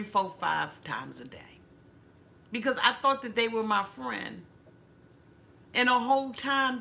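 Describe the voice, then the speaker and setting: A woman's voice: on the high side, sharp tone. A woman hosting her own channel in a casual livestream monologue, talking emphatically while she decorates a tree, repeating herself for weight and cursing freely. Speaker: YouTube channel host.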